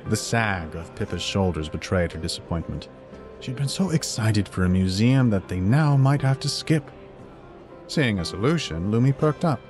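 A man narrating a fan fiction story in an even, measured reading. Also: on the low side, soft background music.

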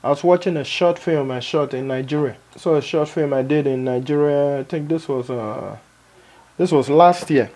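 Over music, a man in his thirties, a vlogger and filmmaker, speaks casually to camera from his home editing studio at a moderate pace. His voice is a little high, and he thinks aloud with many fillers.

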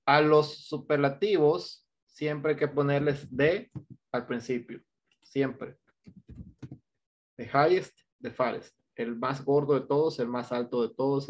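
A man with a Mexican Spanish accent teaching an English grammar class online, explaining step by step and often checking with "¿no?". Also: mid-range voice. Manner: explains step by step, keeps asking "¿no?".

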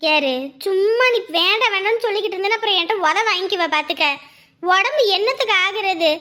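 A woman's voice: very high-pitched, quick pace, bright, forceful tone. A woman, chatting and scolding in a neighbourly skit. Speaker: performer voicing village women. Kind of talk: village comedy skit dialogue.

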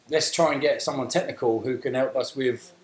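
A man's voice: mid-range voice, normal speed, echoey room, low-quality recording. A man with a South London accent hosting a casual live Q&A, chatting and reading out viewer comments. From England. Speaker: host.

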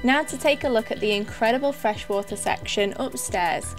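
A woman's voice: a little high, normal speed, soft background music. A woman hosting a shop tour, upbeat and chatty as she interviews staff. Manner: upbeat, chatty, laughs often. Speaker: host.

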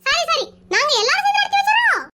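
A woman's voice: very high-pitched, very animated, racing, heavy background noise. A woman voicing a pushy, chatty married aunt in a cartoon comedy, who plays matchmaker and talks. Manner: brash, nosy, rambling.

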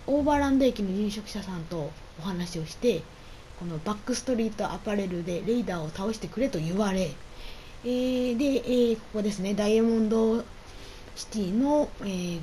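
A woman's voice: medium pitch, warm tone, a little hiss or hum, poor audio. A woman doing casual solo game commentary as host, politely and half talking to herself. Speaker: gaming video host.

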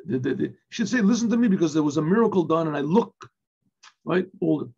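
Older rabbi teaching, husky dull audio. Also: male voice, a little high, expressive, fast, warm tone. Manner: mixes English with Yiddish and Hebrew phrases, asks and answers his own questions. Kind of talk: Torah class explaining a Hebrew text. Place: indoor room with bookshelves. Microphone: webcam video recording.

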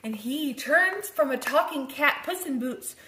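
A woman playfully spins a made-up fairy tale for a little child. She narrates with animation and breaks into laughter often. Her voice is fairly high and echoes in the room. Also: lively intonation, measured pace, bright, forceful tone, a little hiss or hum.

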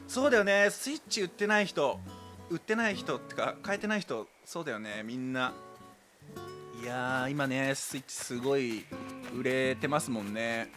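A man streaming a game live, chatting casually and rambling to himself and his viewers. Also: medium pitch. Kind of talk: casual live-stream chat while playing. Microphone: desk microphone.

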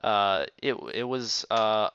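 A man with a low, clean voice gives casual Let's Play commentary with a retainer in his mouth. He rambles slowly and corrects himself as he goes. The recording is slightly dull and lo-fi. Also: a bit bright, clean tone, no echo. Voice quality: slight retainer-affected speech. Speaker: gaming video host. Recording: dull, lo-fi microphone.

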